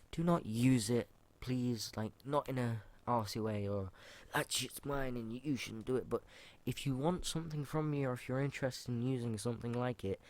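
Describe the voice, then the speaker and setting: A man's voice: medium pitch, a little mellow. A man hosting a casual solo podcast, rambling informally with fillers, restarts and casual swearing, and reading out his own rap lyrics. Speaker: podcast host.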